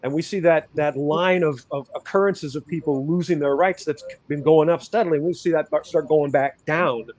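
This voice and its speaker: Fired up guy guest, emphatic, cusses, fairly high voice. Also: normal speed, hardly any pauses, a little mellow. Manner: emphatic, impassioned, profane. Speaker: podcast guest, rights activist. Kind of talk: casual chat.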